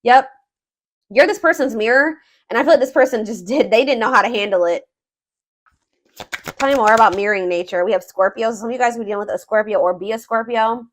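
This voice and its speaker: At a quick pace and with a fairly high voice, a woman gives viewers a tarot reading as host in an informal, conversational style. She reasons aloud, gropes for words, and emphasizes points forcefully.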